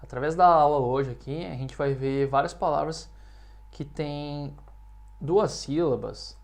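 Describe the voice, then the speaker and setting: Brazilian man teaching English slowly. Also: fairly high pitch. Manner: explains patiently, repeats English examples slowly and clearly. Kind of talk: language lesson.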